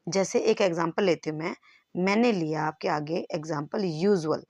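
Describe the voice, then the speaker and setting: A woman's voice: fairly low pitch, normal speed, a little mellow, no room sound. A woman teacher giving an exam-prep lesson, explaining terms step by step and checking if the class follows.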